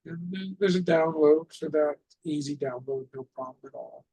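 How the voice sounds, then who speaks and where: A man with a somewhat high, husky voice hosts an amateur radio net and gives an informal instructional talk over it. His intonation is quite flat, and he explains haltingly, repeating himself often. The recording is close, dry, without room sound, and low in quality.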